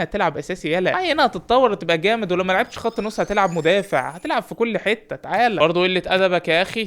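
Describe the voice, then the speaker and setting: A young man with an Egyptian Arabic accent, commenting on his own gameplay in rapid, animated banter and teasing the characters on screen. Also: high voice, clear, resonant tone. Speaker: gaming YouTuber.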